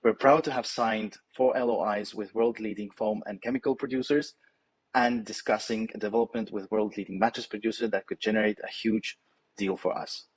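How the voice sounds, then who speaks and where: A man giving a confident, rehearsed startup pitch in a polished way. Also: steady tone, a little fast, breathy edge, poor audio.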